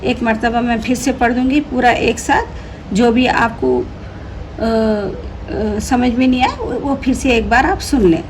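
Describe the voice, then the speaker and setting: A woman teaching an Urdu reading lesson, repeating each word slowly and patiently explaining how the letters sound. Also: a little high, slight background noise, rough recording. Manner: slow drilled repetition of each word.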